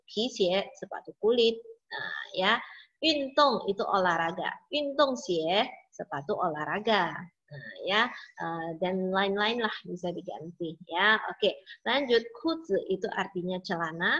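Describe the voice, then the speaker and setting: A woman's voice: medium pitch, a bit bright, breathy edge. Woman teaching, repeating words in drills. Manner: explains each word slowly, repeats drills three times. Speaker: Mandarin teacher. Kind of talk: online class lecture. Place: home, online video class. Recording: slightly dull lo-fi audio.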